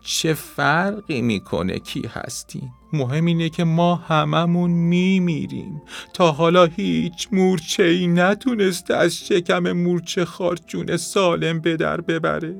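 A man's voice: medium pitch, vocal fry, few pauses, soft background music, lightly acted. A man voicing a pessimistic little ant in a children's storybook reading, pushing his voice up into a whiny register. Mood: gloomy.

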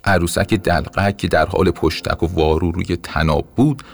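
A man narrating a bedtime story in a gentle, expressive way. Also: deep voice, creaky. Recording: soft music under narration.

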